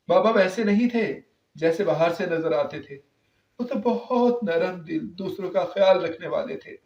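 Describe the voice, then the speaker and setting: A man of middle pitch narrates an emotional story in the first person, earnest and heartfelt. The recording is roomy, with a slightly dull tone. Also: a little mellow, distant mic.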